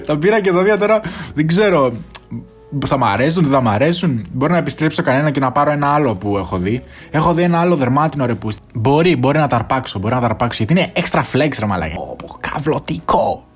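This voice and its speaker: A man's voice: on the high side, slightly rough. A young man hosting his own podcast, talking casually and swearing freely, with English phrases mixed in. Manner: slangy and animated, mixing in English phrases and swearing. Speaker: podcast host. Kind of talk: casual solo chat.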